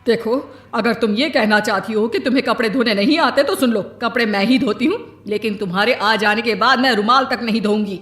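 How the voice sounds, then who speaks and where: A woman's voice: fairly high pitch, brisk, hardly any pauses, a bit bright, roomy sound, soft background music, natural voice. A woman voicing a proud, short-tempered middle-aged mother-in-law in a cartoon story, blunt and scolding.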